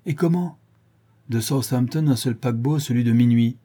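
A man reading a cocky, playful gentleman burglar with theatrical, mocking flourishes. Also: mid-range voice, moderate pace, slightly rough, close to an everyday voice. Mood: scheming.

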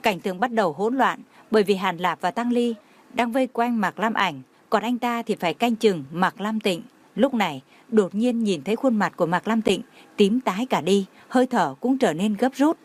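Woman reading a romance novel out loud, does all the characters' lines in her normal voice. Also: mid-range voice, normal speed. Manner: reads every character's lines in her own voice. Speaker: audiobook narrator. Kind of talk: scripted narration of a romance novel.

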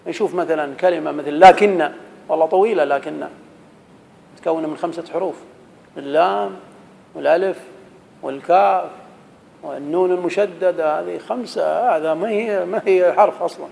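A man's voice: fairly high pitch, a little fast, gravelly, long pauses, a little mellow, in a large hall, slight background noise, rough recording. A man teaching an Arabic grammar lesson, quizzing his students and reciting verse. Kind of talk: classroom lesson.

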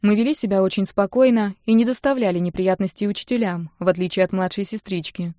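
A woman's voice: mid-range voice, steady tone, fast talker, dark tone, no echo, clean studio sound. Wry woman reading an audiobook. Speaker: audiobook reader. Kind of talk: first-person audiobook narration.

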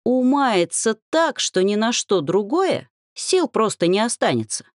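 A woman voicing an excitable young female dryad who talks in shrill, indignant outbursts. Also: measured pace, no echo, studio quality. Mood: scheming.

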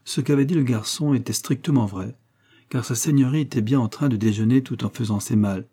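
A man narrating an audiobook in measured storytelling. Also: medium pitch, dark tone, slightly rough.

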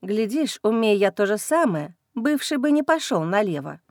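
A woman reading a first-person novel aloud in a wry, lively way. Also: mid-range voice, moderate pace, no room sound, studio quality. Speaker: audiobook narrator.

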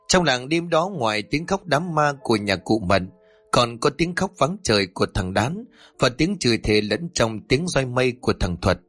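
A man's voice: mid-range voice, a bit bright, no echo. A man narrating a scripted village tale in a dramatic, vivid way. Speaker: storyteller. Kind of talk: scripted horror story narration.

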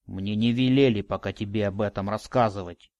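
A man voicing a quiet, stubborn and evasive boy in an audiobook. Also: on the low side, steady tone, brisk, no echo, lo-fi sound, pitched below the performer's own voice, close to an everyday voice. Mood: hushed. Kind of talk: audiobook dialogue.

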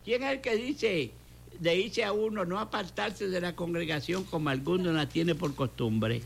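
Here a pastor from Puerto Rico, an older man with a Puerto Rican Spanish accent, talks at a moderate pace in a high-pitched, gravelly voice, with slight background noise. His preaching testimony on a talk show is fervent, full of repeated phrases for emphasis and acted-out quotations.

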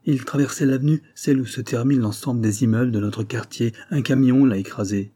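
A man reading a grim young husband who breaks terrible news in a quiet, subdued way. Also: mid-range voice, a little fast, breathy edge, natural voice.

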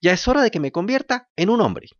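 A man voicing a cheeky, lazy wooden puppet boy in a high, childlike, pleading voice. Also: wildly swooping pitch, normal speed, dry recording, muffled recording. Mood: eager. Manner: high pleading childlike voice, stammers when moved.

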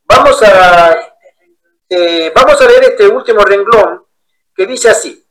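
A man preaching in a sermon-style Bible study, telling stories in an animated way. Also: high voice, slow, poor audio. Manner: animated storyteller acting out quoted voices.

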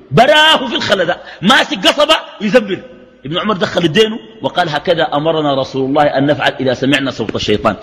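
High, animated Sudanese preacher. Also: male voice. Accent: Sudanese Arabic. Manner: argues with a stream of rhetorical questions. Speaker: religious teacher. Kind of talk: religious lesson. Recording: echoey hall reverb.

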